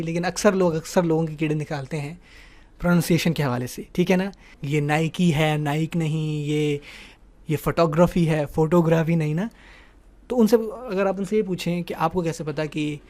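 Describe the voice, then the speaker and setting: Man teaching grammar with a higher voice. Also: darkish tone. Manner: explanatory, asks "ٹھیک ہے نا" often; mixes English words into the talk. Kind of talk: online grammar lesson.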